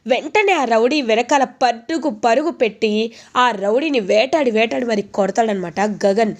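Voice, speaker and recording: High voiced woman recapping a soap plot, chatty, casual. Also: normal speed. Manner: chatty, repeating fillers. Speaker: narrator recapping a TV serial.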